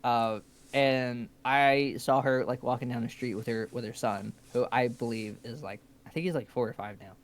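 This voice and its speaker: A man's voice: mid-range voice, normal speed. Swearing young man telling stories. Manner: animated storyteller, swears a lot. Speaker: stream co-host. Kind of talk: casual chat.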